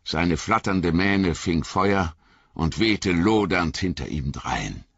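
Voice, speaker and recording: A man reading a fantasy novel aloud as an audiobook narrator, in a measured, dramatic way. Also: low voice, expressive, breathy edge, no echo, highs cut off.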